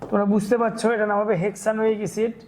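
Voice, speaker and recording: A man's voice: high-pitched, completely flat delivery, rapid-fire, a little mellow, slight background noise. A man teaching a school chemistry lesson, working through examples step by step, counting aloud and asking and answering his own questions. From Bangladesh.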